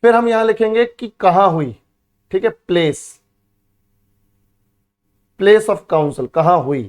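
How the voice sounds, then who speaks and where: A man's voice: high-pitched, animated, takes it slowly. A man teaching an exam-prep history lesson at a board, repeating key words and asking his students questions that he then answers himself. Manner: repeats key words for drilling, calls students beta and bhai.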